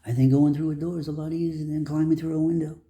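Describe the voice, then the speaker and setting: A man giving an earnest motivational monologue, preachy and heartfelt, swinging between emphatic bursts and soft lines. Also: fairly high pitch, level tone, fast. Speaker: motivational speaker.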